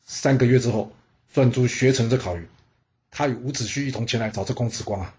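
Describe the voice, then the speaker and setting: Man storyteller, history narration, conversational, mid pitch, slightly dull lo-fi. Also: brisk, a little mellow.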